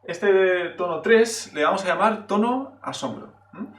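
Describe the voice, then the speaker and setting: At a measured pace, a man with a high-pitched, expressive, fairly bright voice patiently explains Chinese in a classroom-style video lesson. He regularly asks a questioning "eh" and exaggerates example syllables to demonstrate tones, his voice distant in a roomy, echoing recording.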